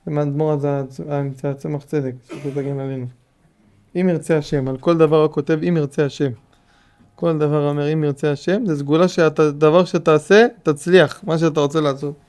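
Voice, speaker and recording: Mellow-voiced man teaching a Torah lesson. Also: fairly high pitch, fairly even intonation. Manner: repeats phrases and explains patiently to listeners. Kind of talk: Torah lesson, reading and explaining a text.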